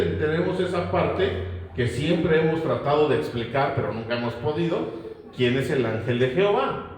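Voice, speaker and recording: A man with a Mexican Spanish accent leading a Bible study, asking the group questions and answering them himself. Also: fairly high pitch. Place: church hall. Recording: echoey hall with long reverb.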